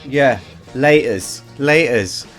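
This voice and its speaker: Animated man hosting a podcast. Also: medium pitch, extremely slow, soft background music. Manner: animated storyteller, bursts loud when excited. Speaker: podcast co-host. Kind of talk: casual chat.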